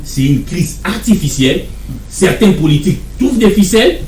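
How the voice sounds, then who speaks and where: A man's voice: sits high, animated, normal speed, darkish tone, reverberant, far from the mic, a little hiss or hum. Insistent man debating. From Democratic Republic of the Congo. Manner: insistent, argumentative, repeats points. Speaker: political debate guest. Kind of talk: televised political debate.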